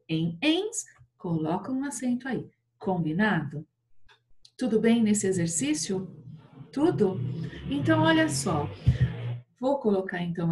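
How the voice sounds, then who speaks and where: A woman's voice: mid-range voice, darkish tone. A Brazilian woman teaching an online Portuguese class to fourth graders, explaining patiently and checking in with tag questions. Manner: patient, drawn-out sing-song explaining with many tag questions. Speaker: primary school teacher.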